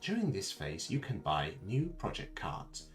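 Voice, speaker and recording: A man voicing a creepy male computer narrator, reading out a game tutorial in a measured, announcing tone. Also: deep voice, huge pitch swings, faint music behind, exaggerated voice. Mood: flat, eerie.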